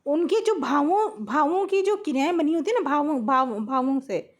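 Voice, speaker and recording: A high-voiced Hindi grammar teacher leads a blackboard lesson, expressive and moving at a moderate pace. Her explanations of each rule are patient, she says her example sentences again, and she frequently checks on her students' understanding.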